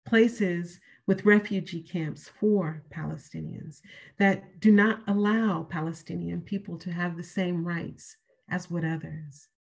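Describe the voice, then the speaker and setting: Husky-voiced woman giving a measured keynote. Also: lowish voice, fairly even intonation, lo-fi sound. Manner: measured, emphatic repetition of key phrases. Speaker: keynote speaker. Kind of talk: prepared keynote lecture. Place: home room by a window. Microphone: webcam on a video call.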